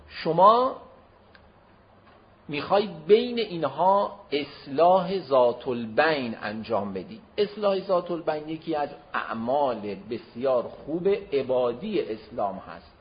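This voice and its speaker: Male preacher lecturing, emphatic with sudden loud and soft swings, mid-pitched, dull lo-fi recording. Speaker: religious lecturer. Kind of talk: religious lecture.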